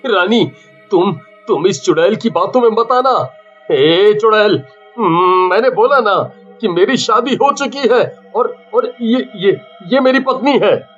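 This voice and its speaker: A man's voice: high-pitched, animated, takes it slowly, a bit bright, faint music behind, full character voice. A man voicing a timid poor young husband in a cartoon story, stammering in fright, with a slightly muffled sound. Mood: panicked. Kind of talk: cartoon voice acting.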